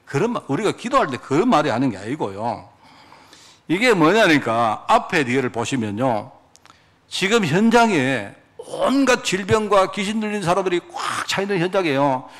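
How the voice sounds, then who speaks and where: A middle-aged man preaching a sermon as pastor, animated, acting out quoted prayers. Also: on the high side, moderate pace. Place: church sanctuary.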